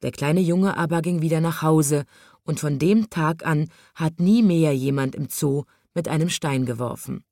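Woman reading a kids story, lively, lowish voice, dry. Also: normal speed, no room sound. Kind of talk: reading a children's story aloud.

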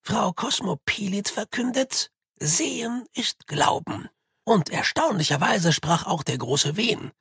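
A man voicing a calm, pedantic older male monk who talks in a measured, lecturing way. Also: sits high, vocal fry, breathy edge, no room sound, clean studio sound, pitched above the performer's own voice, heavily acted.

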